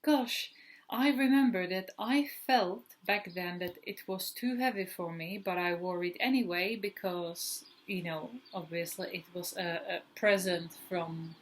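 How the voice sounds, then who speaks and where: A woman in her thirties from the Czech Republic chats casually in a perfume review vlog, speaking at a measured pace in a lowish voice. She rambles, using many fillers and restarts.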